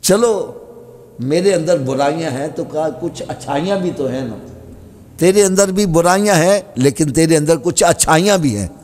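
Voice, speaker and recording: A man preaching a sermon, swinging between fervent high cries and soft pleading. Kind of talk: Urdu sermon. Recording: long hall reverb.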